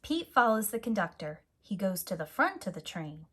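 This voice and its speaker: A teacher reads a children's picture book aloud in a deliberate, animated way for young listeners. Her voice is medium-pitched and husky.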